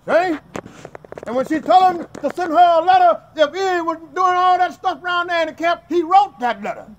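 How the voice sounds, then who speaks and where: A man's voice: very high-pitched, normal speed. An older man with a Southern US accent giving an impassioned, folksy outdoor speech and talking straight to the crowd. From Southern United States. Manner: animated, folksy, addresses the crowd directly. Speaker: speaker at a memorial event. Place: outdoors at a cemetery gathering.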